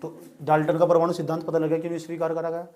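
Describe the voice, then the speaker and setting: A man teaches a live class in a playful, joking manner, often pausing to check that his students have understood. His voice sits a little high for a man. Faint background noise runs under the recording. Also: completely flat delivery. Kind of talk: classroom lecture.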